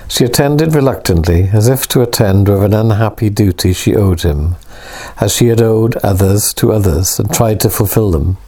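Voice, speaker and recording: Man narrating an audiobook, mellow. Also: lowish voice, moderate pace.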